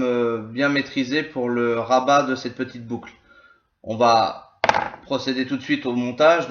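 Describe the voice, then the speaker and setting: A man giving a casual hands-on tutorial as a gear reviewer, talking slowly and hesitantly with many filler sounds. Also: medium pitch, fairly bright tone. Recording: echoey room, dull lo-fi sound.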